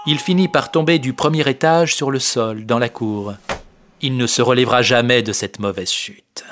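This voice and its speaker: Man narrating a story, measured. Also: medium pitch, a bit bright, a little hiss or hum. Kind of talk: scripted audiobook narration.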